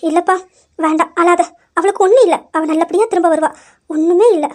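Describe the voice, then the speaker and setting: A woman's voice: very high-pitched, fairly even intonation, fairly quick. A woman voicing a loving middle-aged mother who soothes and reassures her crying son in an audio drama. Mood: reassuring. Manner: soothing, pleading. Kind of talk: amateur audio drama acting.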